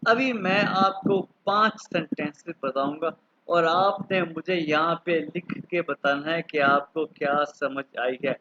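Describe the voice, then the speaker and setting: A man in his thirties from Pakistan teaching an online German class, patiently repeating words slowly for pronunciation. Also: on the high side, pushed and bright, highs cut off. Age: 30s.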